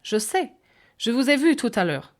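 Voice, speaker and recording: A woman's voice: fairly high pitch, very animated, moderate pace, pitched above the performer's own voice. A woman voicing a prim, stern elderly lady with an English accent, speaking genteelly in a storybook.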